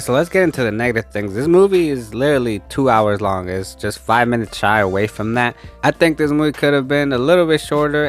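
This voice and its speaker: This is a male movie review host who still sounds congested and weary after losing his voice. He speaks close to the microphone in a voice-over, offering a casual, low-energy spoken review.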